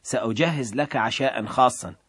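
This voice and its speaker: A man reading aloud a patient, gentle wife in a radio story. She answers softly and tenderly. The recording is dry and close. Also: mid-range voice, moderate pace, slightly rough, no room sound. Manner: warm, tender and soft.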